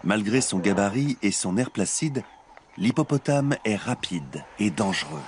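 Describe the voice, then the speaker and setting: A man delivering scripted nature documentary narration in a measured, expository storytelling way. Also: fairly low pitch, animated, heavy background noise. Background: music.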